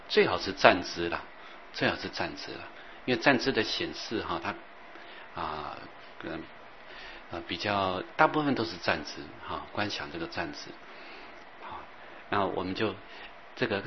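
A man teaching as a Buddhist master, rambling and repeating himself, sometimes chanting softly. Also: on the low side. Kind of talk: dharma talk. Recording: dull lo-fi recording with faint hiss.

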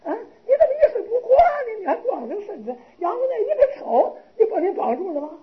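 A man voicing an indignant young princess who scolds in sharp questions. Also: very high-pitched, big pitch swings, fairly quick, highs cut off, voice pushed up. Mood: scolding.

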